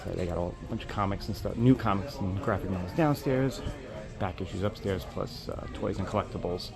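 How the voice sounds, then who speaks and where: A male vlogger narrates a casual walk-and-talk vlog through busy city streets and venues, chatting informally to his viewers. His voice is low, gravelly and brisk, heard over music and noisy urban ambience with traffic.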